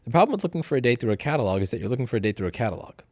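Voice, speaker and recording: A man's voice: mid-range voice, very animated, racing, a little mellow, no echo, studio quality. A drunk man hosting a casual livestream Q&A, reading out viewer messages and answering them in a blunt, profane, argumentative way. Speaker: livestream host.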